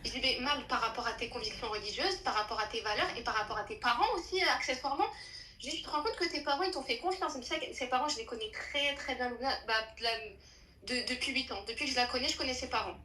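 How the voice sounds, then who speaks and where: A young woman telling a true story in a casual chat, animated and slangy, with many restarts. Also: high voice, quick pace, roomy sound, slight background noise, low-quality recording.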